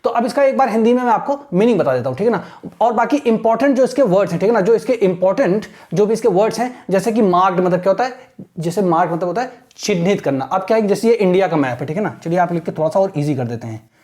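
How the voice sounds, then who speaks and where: A man with an Indian accent teaching an exam-prep lesson, mixing Hindi and English, reading slowly and deliberately and repeating words for his students. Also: high-pitched, animated, darkish tone. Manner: slow, deliberate reading aloud with repeated words and frequent "theek hai na".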